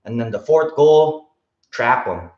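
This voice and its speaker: A male jiu-jitsu coach with a medium-pitched voice teaches a kids' class in a roomy, slightly muffled recording. He explains in plain, casual language with quick check-ins, and calls drills as sharp, clipped martial arts commands. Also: animated.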